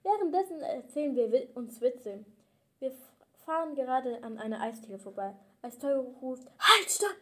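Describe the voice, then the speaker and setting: A woman's voice: high-pitched, expressive, moderate pace, mellow, slight background noise. A young female storyteller reading her own story aloud, stumbling and correcting herself as she goes. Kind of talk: reading a self-written story aloud, acting out the characters.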